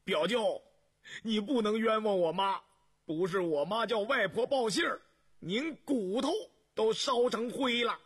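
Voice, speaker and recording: A man voicing an indignant teenage boy who shouts quickly and loudly, pitched above his own voice. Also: husky, full character voice. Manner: loud, fast, indignant shouting.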